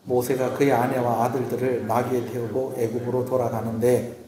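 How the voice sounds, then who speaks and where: A man's voice: mid-range voice, little pitch movement, moderate pace, a crowd in the background. A male pastor preaching at a Friday prayer meeting in a church sanctuary. He keeps asking the congregation questions and then answers them himself. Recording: echoey church room.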